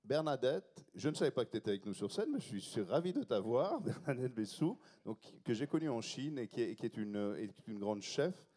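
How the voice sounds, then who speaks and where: A man introducing chefs on a festival stage, talking in a hurried, improvised way with many restarts. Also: medium pitch, sing-song, dark tone. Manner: hurried, improvising, self-interrupting. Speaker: festival panel host.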